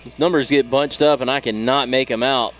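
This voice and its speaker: A man with a Southern US accent calling play-by-play for a high school football game in a steady, measured way. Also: faint music behind. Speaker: play-by-play announcer.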